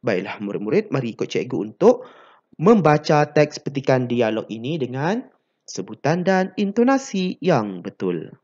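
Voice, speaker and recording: A teacher giving a language lesson to pupils, speaking slowly with many drawn-out "ah" fillers and acting out example phrases. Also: medium pitch, sing-song, a little mellow, muffled recording.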